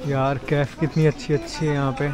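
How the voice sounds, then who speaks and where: A man's voice: a little high, little pitch movement, a little fast, over music. A young man from India chatting casually to viewers as he walks through a city market and streets, filming himself as a travel vlogger. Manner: chatty, addresses viewers as brothers. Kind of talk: casual walking-tour narration. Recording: street noise behind handheld recording.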